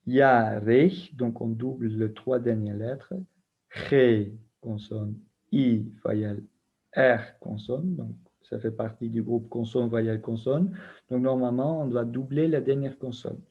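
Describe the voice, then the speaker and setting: A man's voice: mid-range voice, fairly even intonation, slow, breathy edge. A man teaching a recorded grammar lesson, patiently spelling out letters and rules one by one. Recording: muffled lo-fi recording.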